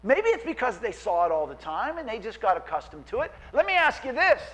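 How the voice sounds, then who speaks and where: A man preaching a sermon as pastor, animated and acting out quoted voices. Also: very high voice, fairly quick, poor audio.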